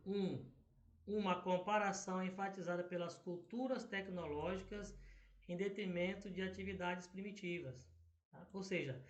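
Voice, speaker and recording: A man's voice: high voice, roomy sound. A Brazilian Portuguese-speaking male teacher going through exam questions, often checking in with "tá?" and "né?". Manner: filler-heavy, frequent "tá?" and "né?" checks.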